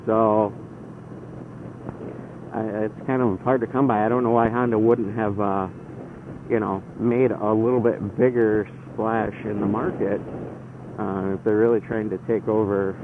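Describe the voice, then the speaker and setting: A man's voice: fairly low pitch, flat delivery, measured pace, pauses often, phone-quality sound. A man chatting casually and hesitantly from inside a motorcycle helmet, rambling like a motovlogger as he rides. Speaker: motorcycle vlogger. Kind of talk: casual motovlog chat while riding. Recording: band-limited helmet mic, engine and road noise. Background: vehicle noise.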